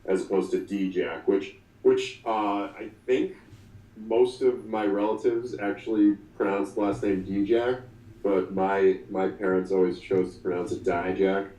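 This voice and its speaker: A man's voice: lowish voice, little pitch movement, warm tone, reverberant, recorded from a distance, poor audio. A man in his twenties talking through an interview as the guest, often restarting and filling with ums. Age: 20s. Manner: halting, many restarts and fillers. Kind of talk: casual interview.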